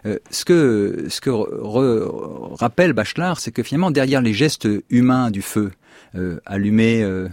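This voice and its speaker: Halting, word-searching male philosopher. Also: on the low side, expressive, darkish tone, no room sound, studio quality. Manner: halting, full of restarts, searching for words. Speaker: philosopher guest. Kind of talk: radio discussion.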